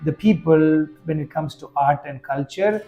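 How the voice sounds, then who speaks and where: Earnest male interview guest, slightly high, warm voice, many fillers. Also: moderate pace, creaky, dull audio, faint music behind. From Sri Lanka. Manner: earnest, with frequent fillers and restarts. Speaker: guest, festival director and business owner. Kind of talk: conversational interview.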